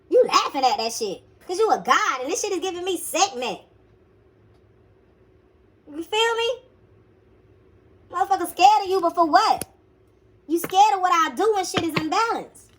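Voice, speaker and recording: A woman giving a blunt, profane motivational sermon to her listeners, casual and slangy, repeating her commands with emphasis. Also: extremely high pitch. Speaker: spiritual teacher.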